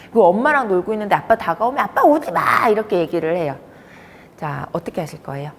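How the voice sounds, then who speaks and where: A woman's voice: lowish voice, fast, in a large hall. A woman who works as a child development counselor, giving a talk to fathers in a storytelling way. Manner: warm storytelling with lively emphasis. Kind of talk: lecture to fathers.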